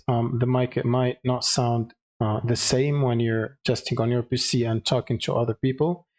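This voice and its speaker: A mid-pitched male presenter guides viewers through software in a relaxed, step-by-step manner, pausing a bit uncertainly along the way.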